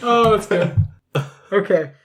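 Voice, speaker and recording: A woman's voice: medium pitch, takes it slowly, a little hiss or hum. Easygoing woman game master. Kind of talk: running a tabletop game.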